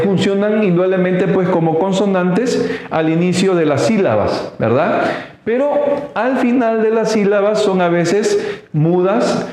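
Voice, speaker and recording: A man with a somewhat high voice gives a slow, halting lesson. He fills gaps with "eh" and keeps checking that listeners follow. His voice rings out in a very echoey room. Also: darkish tone. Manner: halting, many fillers, checks in with "¿sí?". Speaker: teacher. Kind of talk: slow recorded lecture.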